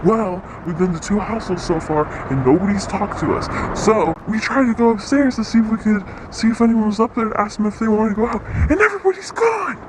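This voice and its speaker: A man's voice: sits high, brisk, few pauses, noisy background. A man telling a wry, casual story to the camera about backpacking with a companion.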